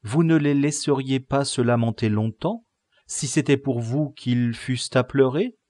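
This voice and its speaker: A man voicing a gentle noble young lady who teases lightly in an audiobook. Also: mid-range voice, a little slow, no room sound, pitched above the performer's own voice, lightly acted. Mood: teasing.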